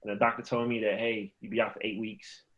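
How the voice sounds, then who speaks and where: Low-voiced man telling a long story. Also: little pitch movement, fast, fairly bright tone, highs cut off. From Chicago area. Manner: rambling, acts out remembered dialogue. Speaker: podcast guest, former pro basketball player. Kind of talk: casual storytelling interview.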